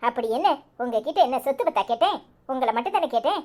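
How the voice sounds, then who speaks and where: A woman's voice: high-pitched, lively intonation, quick pace, a little mellow. A woman voicing a jealous young wife in a cartoon comedy, with a Tirunelveli Tamil accent. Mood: complaining. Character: jealous young wife Anitha, feverish and pleading. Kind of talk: village cartoon drama.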